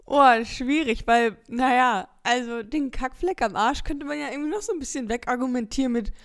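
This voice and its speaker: Young female podcast co-host, fairly high voice, chatty, laughs between thoughts. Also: normal speed. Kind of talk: casual podcast chat.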